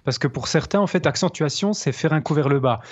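A man's voice: fairly high pitch, lively intonation, breathy edge. Man explaining, slightly muffled. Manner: explanatory, pauses to search for words. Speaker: guitarist co-host. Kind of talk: casual chat. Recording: slightly dull lo-fi sound.

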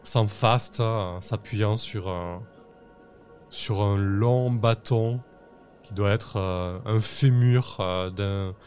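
A man with a lowish voice runs a tabletop game over an online call, narrating with frequent pauses and restarts. Faint music plays behind him. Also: a little mellow. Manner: hesitant, many fillers and restarts. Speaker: game master.

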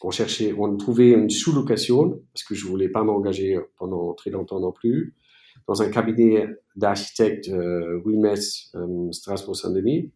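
A man from East Germany, a native German speaker, answering interview questions in a halting way with many fillers and restarts. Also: lowish voice, warm tone, echoey room. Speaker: entrepreneur guest.

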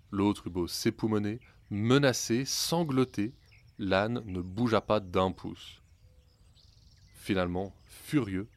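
A male storyteller with a low voice reads a fairy tale aloud. His delivery is scripted and wry, with an ironic turn of phrase. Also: dry recording.

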